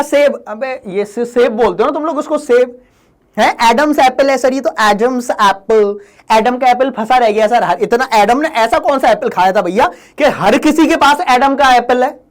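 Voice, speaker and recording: A male teacher giving an exam-prep lesson in a joking, teasing way. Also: very high voice. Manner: joking, playful, teasing students. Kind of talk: exam-prep lesson in Hindi-English mix.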